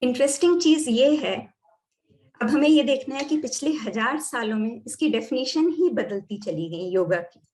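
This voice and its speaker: A woman's voice: on the high side, animated, moderate pace, darkish tone. A woman with an Indian accent explaining yoga and medicine in a lecture, switching freely between Hindi and English. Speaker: doctor and yoga therapy teacher.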